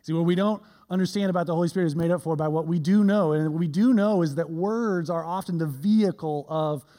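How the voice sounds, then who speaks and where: A man's voice: on the high side, fast talker, mellow. A male pastor giving a conversational sermon with self-deprecating humor, often tagging his points with "right?".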